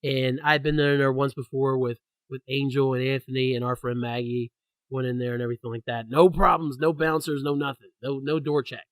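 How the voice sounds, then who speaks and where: A young man hosting a podcast, telling a story in a lively, ranting way. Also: mid-range voice, fairly quick, no echo. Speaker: podcast host. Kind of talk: casual chat.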